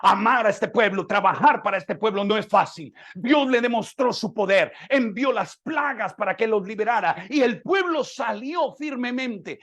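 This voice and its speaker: A man preaching a sermon as pastor, acting out the dialogue with dramatic swings from soft to loud. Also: high-pitched, lively intonation, normal speed, few pauses.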